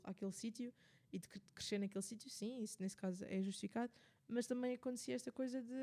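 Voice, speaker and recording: A radio host with a European Portuguese accent, her voice mellow and warm at a middle pitch. She explains things casually, searching for words as she goes and restarting her sentences often. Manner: thinks aloud with many fillers and restarts. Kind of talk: casual spoken commentary.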